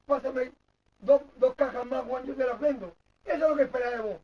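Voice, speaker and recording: High-pitched Chilean man scolding, distant mic. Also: brisk, lo-fi sound. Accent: Chilean Spanish. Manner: scolding, swears constantly, repeats himself. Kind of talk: heated comic argument.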